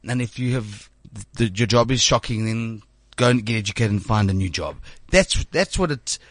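Recorded without room sound, a man in his thirties hosts a casual studio chat in a mid-range voice at a moderate pace. He's animated but rambling, frequently tripping up and starting over.

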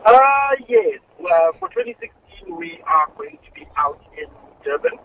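A man's voice: on the high side, huge pitch swings, normal speed, far from the mic, noisy background. A man speaking on a car hands-free speakerphone while driving, as an upbeat radio guest. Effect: car hands-free speakerphone over a phone line. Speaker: chairman of a music awards body, radio guest. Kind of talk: phone-in interview. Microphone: car hands-free phone. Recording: tinny, dry phone line from a car.

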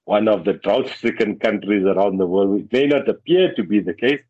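Husky South African Indian man, radio guest. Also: on the low side, normal speed, darkish tone, no room sound. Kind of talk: conversational radio interview. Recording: dull, lo-fi radio link.

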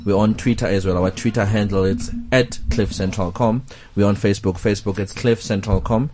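A low-voiced man hosting a talk radio show. He keeps the chat easygoing, dropping in short "oh, okay" and "no, definitely" replies. His speech is casual and unhurried. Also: noisy background. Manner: relaxed, lots of "oh, okay" and "no, definitely".

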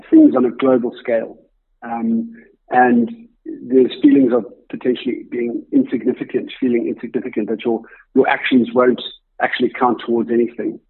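Gravelly man on a tinny remote line. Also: mid-range voice. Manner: reflective, thinks aloud with fillers. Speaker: company co-founder and CEO, guest. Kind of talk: interview answers.

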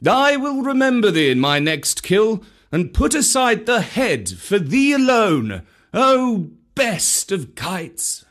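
A man's voice: high-pitched, big pitch swings, slow, fairly bright tone, pitched above the performer's own voice, exaggerated voice. A man voicing a proud male panther who speaks in a stately, old-fashioned way. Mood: grateful. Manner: stately, archaic speech.

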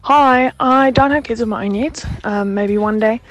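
A woman's voice: a little high, moderate pace. A young woman giving a personal account as a contributor to a radio talk show. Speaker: caller, student mentor.

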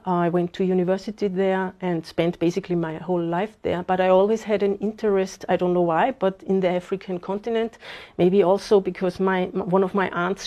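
A woman's voice: fairly low pitch, dark tone. A woman in her fifties, from Austria, speaking as an interview guest, earnest and thoughtful with frequent fillers. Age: 50s. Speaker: guest, bitcoin advocate. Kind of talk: casual interview talk.

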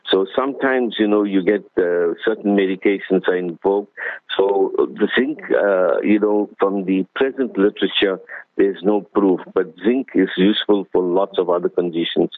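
A man, hoarse with flu and a cough, giving measured, explanatory answers as a doctor on a radio interview. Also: deep voice, no echo. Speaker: doctor, radio guest expert. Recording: narrow phone-like radio line.

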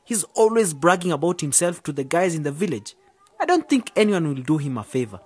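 A man's voice: a little high, very animated, fairly quick, darkish tone, slightly rough. An actor playing a nervous, clumsy young man who stumbles over his words in a radio drama. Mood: flustered.

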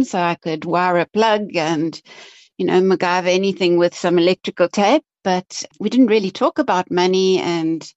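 A South African woman, a chief investment officer appearing as a guest, answers interview questions in a chatty way. Her voice is on the low side with a darkish tone, and the audio sounds dull.

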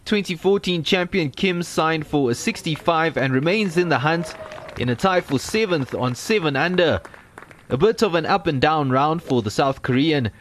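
A man reading scripted sports highlights narration as a voice-over. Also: lively intonation, normal speed, fairly bright tone, a little hiss or hum.

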